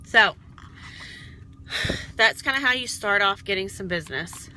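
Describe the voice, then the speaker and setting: A woman with a very bright, sharp voice gives a chatty sales pep talk, encouraging her team and checking in with "okay?" as she goes. A faint hum sits behind her voice. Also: mid-range voice, lively intonation, unhurried, low-quality recording. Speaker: direct sales team leader. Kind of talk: casual coaching vlog.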